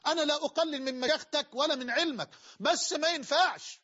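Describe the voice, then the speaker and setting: A man's voice: very high-pitched, quick pace, bright, forceful tone. A man with an Egyptian accent preaching a sermon in an impassioned, emphatic way. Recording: dull lo-fi recording.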